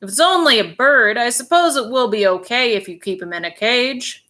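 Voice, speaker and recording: A woman doing a loud, good-natured policeman. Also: fairly high pitch, expressive, moderate pace. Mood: puzzled.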